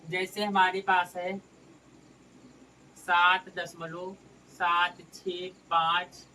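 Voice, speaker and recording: A man's voice: high voice, little pitch movement, extremely slow, sharp tone, far from the mic, a little hiss or hum, low-quality recording. Man teaching maths, a bit off-mic. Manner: addresses viewers as friends, talks through each step. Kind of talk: step-by-step maths lesson.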